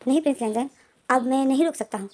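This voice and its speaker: A woman's voice: high-pitched, fast talker, a little mellow, close to an everyday voice. A woman voicing a pushy young man who speaks coaxingly and insistently in a storytelling recap.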